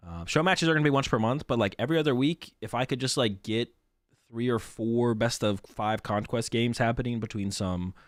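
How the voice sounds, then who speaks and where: A young man hosts a card game stream, chatting casually with viewers while sick, his medium-pitched voice worn and fairly quick. He's relaxed and rambling, repeating himself. The recording is dry and studio quality.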